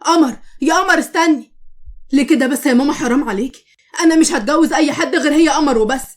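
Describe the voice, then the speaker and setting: Lady reading a sweet young egyptian guy in love, quick and high. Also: darkish tone, lightly acted. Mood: pleading. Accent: Egyptian Arabic. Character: young man, gentle devoted suitor.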